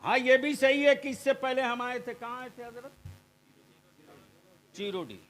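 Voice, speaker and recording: A man preaching a fiery sermon at an outdoor gathering, questioning the crowd and rising into shouts. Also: very high voice, measured pace. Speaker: Islamic preacher.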